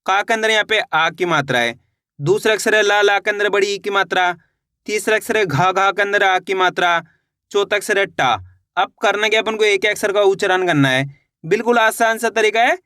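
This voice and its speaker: Man, bright, dry close voice, reading teacher; sounds words out one syllable at a time, then blends them. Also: high voice, normal speed, clear, resonant tone, no echo. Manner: repeats "how will we read it?" before each answer. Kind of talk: online reading lesson.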